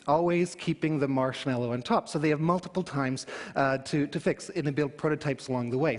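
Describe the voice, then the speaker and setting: A man giving a public talk, telling it in an animated way with emphatic rhetorical questions. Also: on the high side. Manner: animated storytelling, emphatic question-and-answer delivery. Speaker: conference speaker. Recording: hall reverb.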